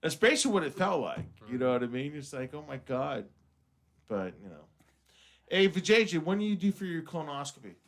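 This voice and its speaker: A man's voice: fairly high pitch, big pitch swings, fairly quick. Stammering rambling host in his fifties. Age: 50s. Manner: rambling, stammering restarts and laughs. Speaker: radio show host. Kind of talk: casual studio chat.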